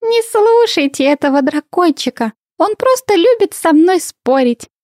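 A woman voicing a greedy, playful female guinea pig in a squeaky, giggly, flirty voice. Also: animated, unhurried, a little mellow, dry recording, studio quality.

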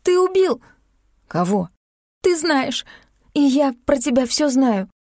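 A woman reading an audiobook, voicing a young woman screaming accusations in shrill, tearful outbursts. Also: very animated, normal speed, warm tone, no room sound, studio quality. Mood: accusing shrill.

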